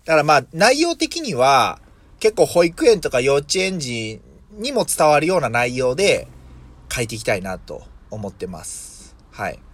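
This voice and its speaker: A man's voice: mid-range voice, wildly swooping pitch, measured pace, slightly rough. A man in his thirties from Mie, Japan, hosting a casual solo podcast as a vegetable farmer, thinking aloud with many fillers and self-corrections. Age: 30s.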